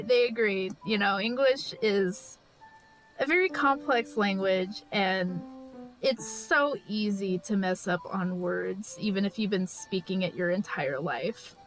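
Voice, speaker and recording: A woman from California chats casually with her viewers as she draws live, her medium-pitched voice captured in poor audio. She rambles and restarts often, leaning heavily on fillers like "like" and "you know."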